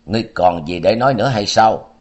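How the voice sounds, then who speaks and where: A man's voice: lowish voice, lively intonation, fast talker. A man voicing a vengeful, heartbroken young swordswoman in an audiobook, with cold, clipped threats. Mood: icy, threatening.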